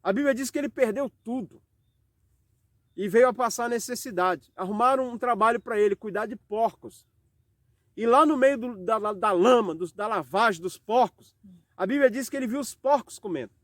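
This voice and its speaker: Man, Brazilian accent, high voice, dry close sound, home sermon, rhetorical questions. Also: a bit bright, no echo. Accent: Brazilian Portuguese. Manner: rhetorical questions, slow dramatic scripture reading. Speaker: preacher.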